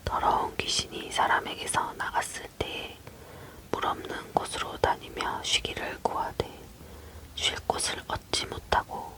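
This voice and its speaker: Someone leaning in to whisper bible verses, all breathy asmr, no voice at all, right up on the mic. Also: unhurried. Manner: leaning in to whisper, unvoiced throughout. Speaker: Bible reader. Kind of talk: ASMR whispered scripture reading.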